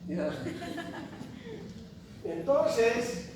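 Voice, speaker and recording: Brief: male professor, bright high voice swinging up and down, miked from far back in a booming classroom. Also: very slow. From Bolivia. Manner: animated, jokey, asks the class questions. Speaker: university lecturer. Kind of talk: classroom lecture. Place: large echoey classroom. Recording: echoey classroom from far off, noisy.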